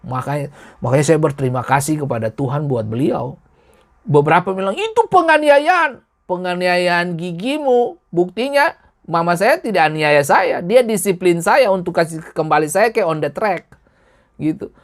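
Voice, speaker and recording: A middle-aged man preaching a sermon in a lively, colloquial way, addressing the congregation directly. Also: fairly high pitch, normal speed. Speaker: pastor.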